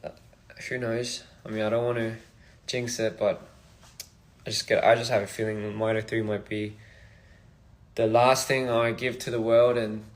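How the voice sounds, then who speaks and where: A young man from Australia chatting casually on a phone livestream, soft-spoken and reflective, drifting between thoughts. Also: on the low side, level tone, normal speed, long pauses. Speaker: musician livestream host.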